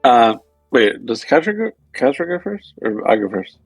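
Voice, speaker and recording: Mid-pitched man in dry-sounding game chat. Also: sing-song, moderate pace, husky, dry recording, soft background music. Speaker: player in a tabletop game. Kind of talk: casual chat.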